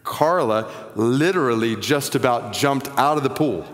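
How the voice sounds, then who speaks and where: A man preaching a sermon as a pastor, earnest, his voice dropping low and quiet at the ends of phrases and rising when he appeals to listeners. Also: measured pace. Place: church sanctuary. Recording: long reverb of a large hall.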